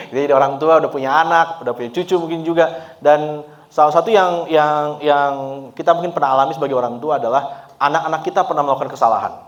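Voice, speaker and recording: A man preaching a sermon at a church service in a relaxed, chatty way, often laughing and mixing in English words. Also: on the high side, quick pace, highs cut off. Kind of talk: conversational sermon.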